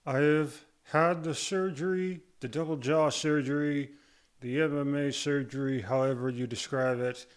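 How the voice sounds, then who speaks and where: A man's voice: fairly high pitch, fairly even intonation, normal speed, clear, resonant tone. A man giving a casual update to camera, talking with difficulty through a restricted jaw held by rubber bands after surgery, with saliva pooling in his mouth.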